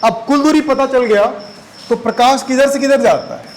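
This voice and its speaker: A man's voice: very high voice, moderate pace, a little hiss or hum, low-quality recording. A man teaching a physics class, chatty and constantly quizzing his students. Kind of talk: classroom lecture.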